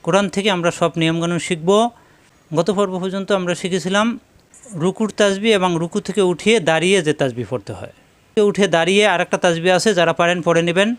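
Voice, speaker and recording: A man teaching Quran pronunciation step by step, repeating syllables slowly to drill each sound. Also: high-pitched, clear, resonant tone.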